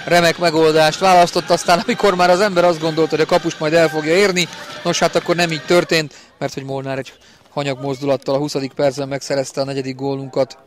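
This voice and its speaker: A man giving excited live football commentary as a partisan match commentator. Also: on the high side. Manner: excited, builds to shouted goal calls, partisan for the home team.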